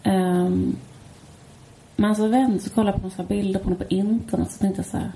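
A woman's voice: medium pitch, creaky. A woman co-hosting a podcast in casual chat, telling stories animatedly. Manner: animated storytelling, acting out quotes. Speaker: podcast co-host.

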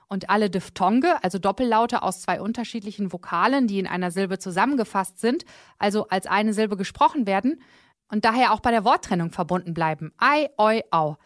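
A woman's voice: medium pitch, no echo, clean studio sound. A woman hosting an event, explaining the coming piece and introducing the poet. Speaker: event host. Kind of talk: stage introduction.

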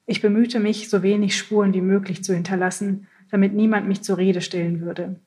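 A woman narrating a literary audiobook in the first person, reading in a calm, measured way. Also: mid-range voice.

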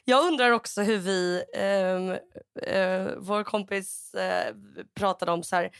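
A woman's voice: mid-range voice, vocal fry, smooth, no room sound, studio quality. A young woman co-hosting a podcast, telling stories in casual chat and acting out quoted lines, often slipping into English. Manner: animated storyteller who acts out quotes, slipping into English. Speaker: podcast co-host.

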